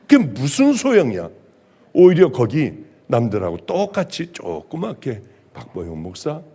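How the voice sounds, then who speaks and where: A middle-aged male pastor preaching a sermon, emphatic, swinging from loud exclamations to hushed, quiet lines. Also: mid-range voice, slightly rough.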